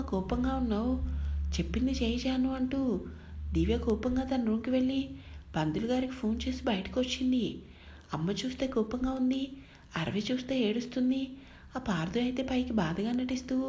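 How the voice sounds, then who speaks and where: A woman narrating a serialized family story, reading every character's lines in the same steady voice. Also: high-pitched, normal speed, pauses often.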